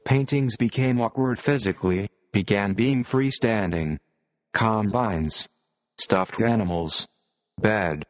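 A synthetic male voice narrates a written text in the manner of an old speech synthesizer. It sits somewhat low in pitch. The delivery is mechanical and stiffly phrased, plainly computer-generated. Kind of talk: scripted read-aloud narration.

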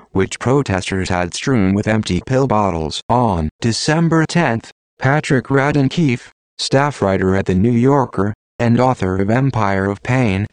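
A man's voice: lowish voice, a little mellow, no room sound. A computer-generated male voice like an old speech synthesizer, reading formal text as scripted narration with mechanical, stilted phrasing. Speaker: automated narrator of an audio series. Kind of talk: scripted read-aloud narration of formal texts.

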